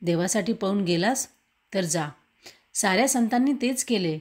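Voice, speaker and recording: A woman's voice: medium pitch, animated, normal speed, natural voice. A woman voicing a tender, loving mother who reassures her son earnestly, read as a storybook. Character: gentle loving mother, middle-aged.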